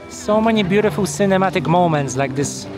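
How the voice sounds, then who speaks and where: A travel vlogger with a high, expressive voice talks fairly quickly as he wanders a city market and old town, music playing behind him. He's chatty, cracks jokes and is easily impressed, giving casual vlog commentary into a small handheld camera mic.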